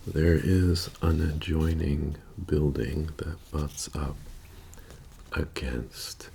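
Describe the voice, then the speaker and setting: A man in an ASMR role-play as a methodical bank heist planner, speaking in a soft-spoken, halting and matter-of-fact murmur. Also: rumbling low, creaky, a little hiss or hum, heavily acted. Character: methodical male bank heist crew planner briefing his team.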